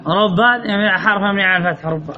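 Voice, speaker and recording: High bright male grammar teacher, lo-fi. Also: steady tone, very fast, background noise. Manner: quizzes the class, repeats key points. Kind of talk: classroom lesson with student questions.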